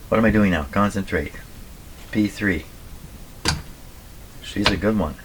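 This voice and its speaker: Here a radio repairer who hosts videos talks casually as he works at the bench, half to himself, carefully reading things aloud. He has a lowish, somewhat hoarse voice. Clicks and plenty of noise come through on the workshop recording.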